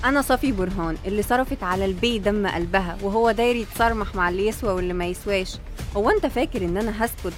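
A woman playing a bitter, jilted woman who speaks with an Egyptian Arabic accent in a sharp, accusing manner. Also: medium pitch, very fast, faint music behind, natural voice.

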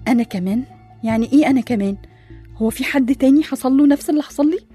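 A woman with an Egyptian Arabic accent acting a shaken wife in an audio drama, speaking uneasily and softly. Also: sits high, fast talker, faint music behind, natural voice. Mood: uneasy. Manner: uneasy, soft-spoken. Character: shaken wife who saw a creature.

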